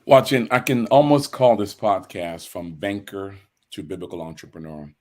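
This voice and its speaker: Male podcast host, very low voice, friendly and prompting. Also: lively intonation, normal speed, a little mellow. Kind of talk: interview hosting.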